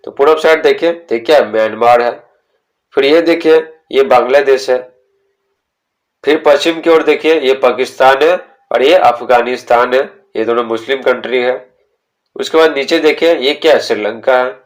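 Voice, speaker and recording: A male teacher talks students through a textbook chapter. He reads each English sentence slowly and carefully before explaining it. He keeps asking the class questions and then answers them himself. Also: medium pitch. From India.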